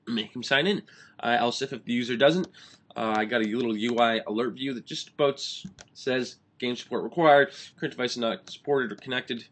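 A young man hosting a screen-recorded coding tutorial, talking quickly with constant "uh" fillers. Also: mid-range voice, a bit bright, a little hiss or hum. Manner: fast, filler-heavy explaining with many "uh"s. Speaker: app developer tutorial host.

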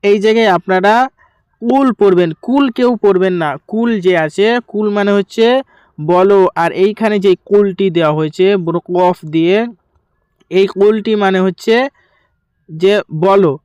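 A man teaching Quran recitation, spelling out letters and vowel marks, then chanting each verse slowly with long drawn vowels. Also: sits high, a little mellow, clear, resonant tone, no echo, muffled recording. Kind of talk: step-by-step recitation lesson.

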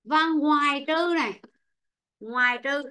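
A woman teacher leads an online English class with a Vietnamese accent. Her voice sits a little high and she speaks slowly and patiently, calling on pupils one by one. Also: bright, forceful tone. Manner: slow, patient, calls on pupils by name.

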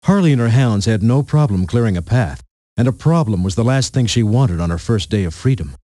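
A man's voice: lowish voice, animated, fairly quick, mellow. A man narrating a storybook game in a playful, punning storyteller manner.

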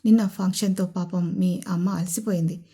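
A woman doing a gentle middle-aged father. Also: lowish voice, steady tone, moderate pace, slightly rough. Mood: fond. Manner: gentle, fond.

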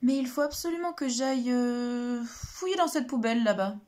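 A woman's voice: a little high, expressive, normal speed, darkish tone, a little hiss or hum, voice pushed up, natural voice. A woman voicing a sly fox in a storybook, drawing out a falsely sweet excuse.

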